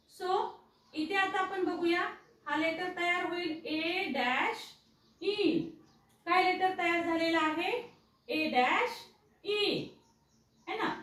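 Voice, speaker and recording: A woman's voice: very high-pitched, a bit bright. A woman teaching English pronunciation, explaining patiently, repeating key words and asking the viewer questions. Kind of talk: explaining spelling and pronunciation to learners. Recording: echoey room, voice from a distance.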